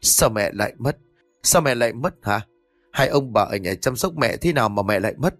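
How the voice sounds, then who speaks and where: Grief-struck younger son, male narrator acting him, lively pitch swings, storybook. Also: moderate pace, no room sound, faint music behind, close to an everyday voice. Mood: accusing. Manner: sobbing pleas, then accusing. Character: grieving younger son, adult man, raw and demanding.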